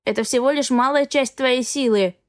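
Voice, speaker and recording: A woman's voice: high voice, moderate pace, lightly acted. A woman voicing a pushy, demanding young man in an audiobook. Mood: pleading. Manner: demanding and insistent. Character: pushy scheming young man, a rival suitor. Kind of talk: audiobook character reading.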